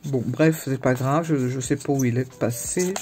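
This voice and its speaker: A woman vlogger talks casually to the camera about her tarot decks, pausing often and interrupting herself. Her voice is rumbling low with a darkish tone, and faint music plays behind.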